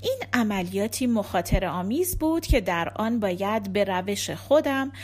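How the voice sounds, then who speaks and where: A woman narrating an audiobook in the first person, reading at a measured, calm pace. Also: mid-range voice.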